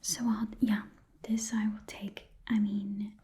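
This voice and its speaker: In a whispered ASMR fantasy roleplay, a woman plays a chatty, eager goblin who runs a pawn shop, haggling with some hesitation. Her medium-pitched voice is mellow and flat, only lightly acted, and she rambles in halting bursts, repeating phrases.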